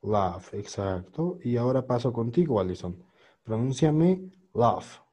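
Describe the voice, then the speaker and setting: A man teaching an online pronunciation class over a video call mic, patiently repeating words slowly for students to copy. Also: mid-range voice, animated, mellow, breathy edge. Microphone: computer microphone on a video call.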